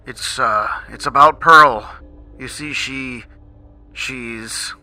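A man voicing Mr. Krabs, a gruff older male crab who talks like an old sailor and stammers in sorrow. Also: mid-range voice, steady tone, moderate pace, bright, forceful tone, soft background music. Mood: troubled. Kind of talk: fan creepypasta reading.

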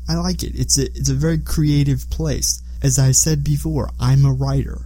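A man's voice: mid-range voice, steady tone, normal speed. A man hosting a podcast solo, talking casually in a rambling, self-deprecating way. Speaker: podcast host.

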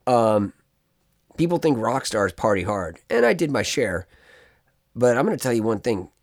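Speaking at a moderate pace in a mid-range voice, a podcast guest rambles through an extended story in relaxed conversation. He's lively, often cutting himself off to throw in asides.

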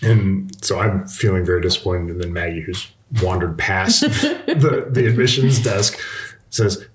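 Male podcast host, very low voice, casual storyteller. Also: big pitch swings, a little slow, a little hiss or hum. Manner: chatty travel anecdotes with detours.

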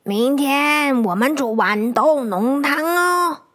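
A woman voicing a gruff but kindly old grandma lizard in a storybook, speaking low and drawn-out. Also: fairly bright tone. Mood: grumbling.

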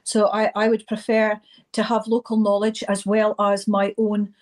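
A middle-aged or older woman with a Highland Scottish accent, speaking informally as an interview guest, often repeating words as she goes. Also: monotone, darkish tone. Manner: halting, repeats words and phrases. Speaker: interview guest, event organiser.

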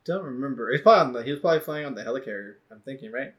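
A man's voice: medium pitch, animated, very fast, fairly bright tone. A man co-hosting a casual podcast, laughing often and swearing freely as he talks. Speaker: podcast co-host. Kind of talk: casual chat.

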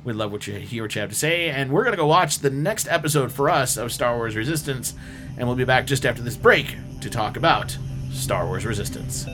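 A man's voice: mid-range voice, expressive, a little fast, over music. A man hosting a podcast, chatting casually through an episode review. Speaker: podcast host.

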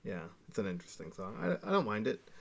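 A man co-hosting a podcast, chatting and telling stories in a relaxed, rambling way. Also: fairly low pitch, fast talker, gravelly. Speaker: podcast co-host. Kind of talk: casual chat.

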